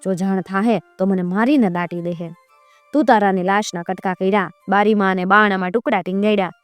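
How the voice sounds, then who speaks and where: A woman's voice: mid-range voice, steady tone, fairly quick, clean tone, no echo, faint music behind. A woman telling a folk tale with drama, acting out the characters' cries and lines.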